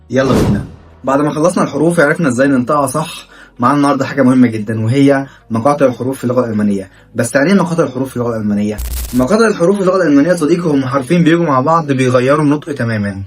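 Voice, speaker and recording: Male Egyptian-accented tutor, mid pitch, husky, drills each sound and word twice. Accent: Egyptian Arabic. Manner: spells out sounds and repeats words slowly. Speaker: German teacher. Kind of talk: language lesson.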